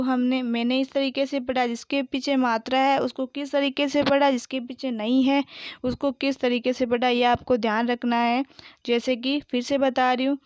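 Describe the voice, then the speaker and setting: A woman teacher reading words aloud slowly one at a time, then explaining each one and quizzing the listener. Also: high voice, no echo. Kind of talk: slow word-by-word reading lesson.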